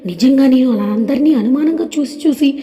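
A woman's voice: high-pitched, a little fast, warm tone, lightly acted. A woman playing a wary, sensitive young woman. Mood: doubtful. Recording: long hall reverb.

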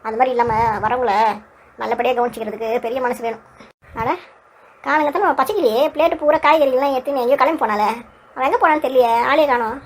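A fussy old village man grumbles and scolds in a cartoon, voiced by a woman. His voice sits high and thin, and he rattles off his complaints at a fast clip. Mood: chatty. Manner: chatty, scolding, quick to take offense. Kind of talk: cartoon voice acting.

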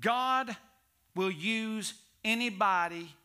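His voice high-pitched and smooth, a middle-aged male pastor preaches slowly from a church stage. The sermon is animated, swinging from loud stresses to whispered-down asides.

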